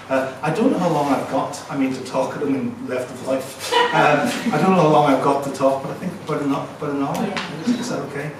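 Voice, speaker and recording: A man with a Northern Irish accent gives a guest lecture, chatty and self-deprecating, often stopping to restart his sentences with an um or an uh. His voice sits at an ordinary middle pitch. It is picked up from some distance in a strongly echoing room, with a faint hiss underneath. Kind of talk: university lecture. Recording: echoey room, mic at a distance.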